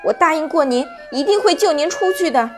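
A woman's voice: sits high, animated, fairly quick, music in the background, voice pushed up. A woman voicing a young onion boy prisoner, speaking in a raised, childlike, eager voice. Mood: tearful.

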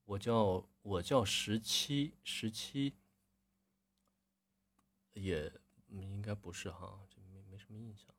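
Male voice coach, low and husky, keeps clearing his throat while giving live-stream critiques. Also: takes it slowly, long pauses. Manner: frequent throat clearing, relaxed corrective tone.

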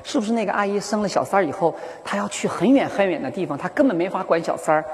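A woman's voice: medium pitch, lively intonation, quick pace, darkish tone, close to an everyday voice. A woman voicing her earnest, curious four-year-old son, asking blunt childlike questions. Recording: reverberant hall.

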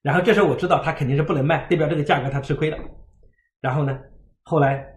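A man giving a livestream parenting lecture, telling stories in a lively way and acting out the dialogue. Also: a little high, very fast, echoey room. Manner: lively storytelling, acts out dialogue.

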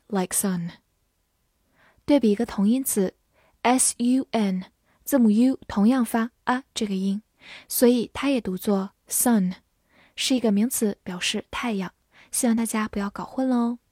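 A woman giving a scripted vocabulary lesson, spelling out letters and repeating each word slowly. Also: medium pitch, a little mellow, slightly rough, no echo, studio quality. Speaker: English teacher.

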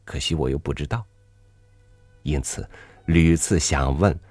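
A man narrating a literary story in a measured, reflective reading. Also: very deep voice, a little mellow, dry recording, faint music behind.

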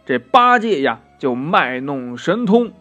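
A man narrating a children's story at an unhurried, lively pace, drawing out the ends of his phrases. His voice sits a little high, and soft music plays faintly behind him.

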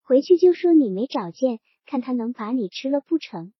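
A woman voicing a blunt young army officer who scolds his father, in a high, husky tone. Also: very animated, moderate pace, dry recording, exaggerated voice. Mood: scolding. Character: angry young male army officer son. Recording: dull, dry lo-fi recording.

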